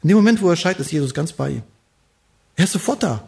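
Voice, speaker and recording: A man's voice: on the high side, lively intonation, fast, gravelly, darkish tone, slightly rough. A man preaching a sermon, with dramatic rises and drops and short acted-out quotes.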